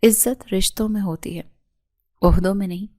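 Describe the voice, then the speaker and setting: A woman's voice: medium pitch, steady tone, darkish tone, lightly acted. A woman reading the lines of a wounded young wife who coldly refuses her husband. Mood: reproachful. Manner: cold and cutting.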